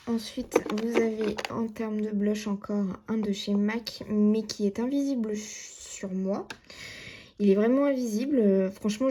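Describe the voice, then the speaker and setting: A woman's voice: medium pitch, noisy background. A woman vlogging from home at her dressing table, showing her things in a chatty show-and-tell way with lots of fillers. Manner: chatty, many fillers and "voilà". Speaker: beauty vlogger. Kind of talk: casual show-and-tell vlog. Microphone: camera or phone filming close.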